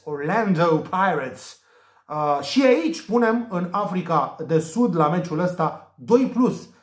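A man from Romania giving his daily betting tips in a lively, playful way, fumbling over foreign team names. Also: fairly high pitch, echoey room. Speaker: betting tipster.

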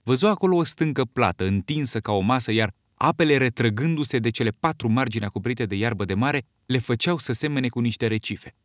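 An audiobook narrator, a man with a medium-pitched voice, reads scripted narration in a steady, measured storytelling style. The studio-quality recording has no room sound.

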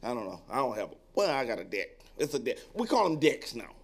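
A male pastor preaching a sermon in an animated, joking way, acting out onlookers' voices and then dropping to a quiet tone to exhort. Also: quick pace, slight background noise. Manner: drops to a low, quiet tone when reading and exhorting.

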